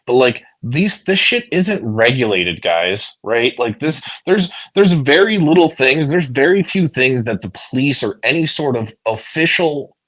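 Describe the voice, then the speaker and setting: A man's voice: mid-range voice, big pitch swings, a little slow, few pauses, fairly bright tone. A man on an online voice chat panel, rambling and swearing as he argues his point with many restarts. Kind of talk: casual heated panel talk.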